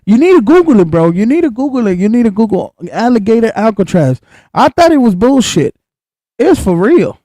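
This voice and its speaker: A young man with a high, lively voice that jumps all over as he chats. He co-hosts a casual show in an excitable, swearing way. The sound is dry and close to the mic. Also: a little fast, no echo. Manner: animated and excitable, swears freely. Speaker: co-host. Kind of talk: casual chat.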